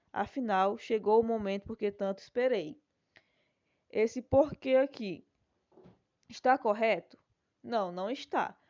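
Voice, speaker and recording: A woman's voice: medium pitch, a little mellow. A Brazilian woman schoolteacher with a Brazilian Portuguese accent, patiently walking her class through the answers to an exercise and checking in with them as she goes. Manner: patient, explanatory, often checks with "né?". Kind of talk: recorded class lesson, explaining answers. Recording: dull lo-fi recording.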